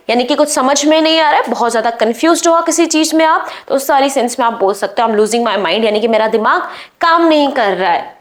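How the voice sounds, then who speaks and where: A woman with a high voice teaches a spoken English lesson. She explains each phrase and then says the English sentences slowly and clearly, one at a time.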